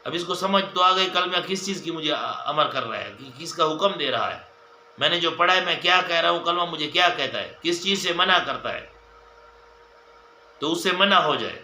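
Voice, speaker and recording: A man's voice: on the high side, lively intonation, pushed and bright, a little hiss or hum. A man giving a religious lesson as a mufti, counting off his points one by one and repeating them, often turning to the viewers as dear friends. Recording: echoey room with faint ambience.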